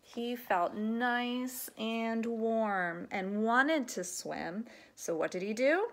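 Speaking from the living room of her home, a woman around thirty uses a voice on the high side to read a children's picture book. Like an elementary teacher, she reads with deliberate expression and slips in explanatory asides.

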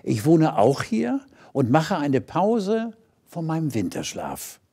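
A man voicing a small squirrel in a storybook reading, speaking in a hushed whisper. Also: fairly high pitch, huge pitch swings, slow pace, vocal fry, husky, pitched above the performer's own voice, full character voice. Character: small squirrel, soft-spoken.

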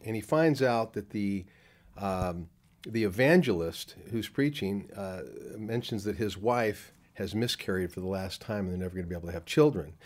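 Older man, low voice, halting. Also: darkish tone. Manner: hesitant, many fillers and restarts. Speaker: film producer. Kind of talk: interview answer. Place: convention room before a poster wall. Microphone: handheld mic held by the interviewer.

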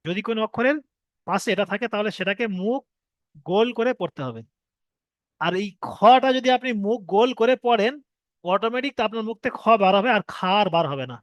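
Guy teaching arabic letters, fairly high voice, dead dry sound, stretches out the letter sounds slow. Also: fairly bright tone, no room sound. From Bengal. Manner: patient, repeats each point, asks students if they understood; draws out letter sounds slowly as examples. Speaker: Quran reading teacher. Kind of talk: online Arabic letters lesson.

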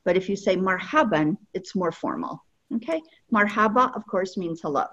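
A woman teaching a language lesson, speaking patiently and repeating each phrase slowly so learners can follow. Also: fairly low pitch, animated, fairly bright tone, muffled recording. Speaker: Arabic teacher.

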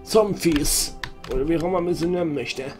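A man's voice: fairly high pitch, brisk, over loud music. A man with a German accent streaming a video game, reading its dialogue aloud and muttering comments to himself in a casual let's-play style.

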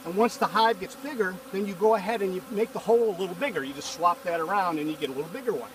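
This casual how-to shows a hobby beekeeper, dressed in a bee suit and veil, calmly walking viewers through checking a hive outdoors on a farm. He has a high voice and talks fast. Recorded by a camera a few feet away, the audio is distant, with buzzing bees and slight background noise.

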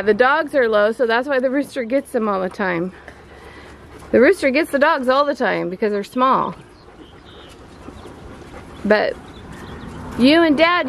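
A woman talks slowly and patiently on a farm yard, chatty and coaching as she films. Her voice sits a little high. Steady outdoor noise runs behind her camera mic. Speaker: homestead vlogger filming her son. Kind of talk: casual vlog talk to her child and camera.

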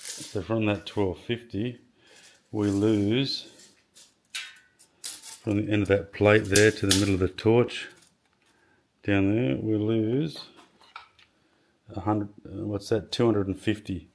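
A man casually walking through his workshop build, halting often with ums and restarts as he measures and explains. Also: lowish voice, fairly even intonation, slight background noise. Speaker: home builder showing his project. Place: home garage workshop.

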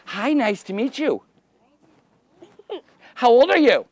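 Performing before seated kids in a children's library room, this middle-aged children's magician is exuberant and theatrical, bantering playfully with young volunteers and frequently getting loud. His very high-pitched voice has big pitch swings, a slow delivery, and a darkish tone. The recording is dry.

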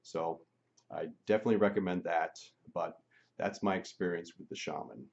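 A man's voice: deep voice, moderate pace, creaky, a little mellow, highs cut off. A man telling a personal story in a casual, chatty way, with frequent ums and laughs. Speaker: channel host.

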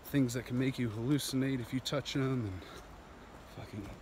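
A man's voice: medium pitch, moderate pace, a little mellow, slight background noise. A man in his thirties talking into a handheld phone while hiking down a steep jungle trail, enthusiastic and rambling, laughing often. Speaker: vlogger. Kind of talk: walking vlog narration. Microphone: phone camera held at arm's length.

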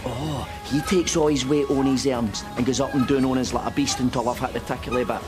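A man's voice: medium pitch, steady tone, fairly quick, over music, natural voice. An actor playing a bossy, exasperated young Scottish man in a TV comedy sketch, insistent and scornful.

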